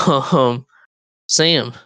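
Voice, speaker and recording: A young man chatting as co-host on a podcast, speaking over a voice call. He jokes around and laughs often. His voice sits at a middling pitch, and the sound is close and dry with no room echo. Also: very slow, sharp tone, smooth. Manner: laughs often, loose and joking. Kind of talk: casual chat. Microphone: Discord voice call.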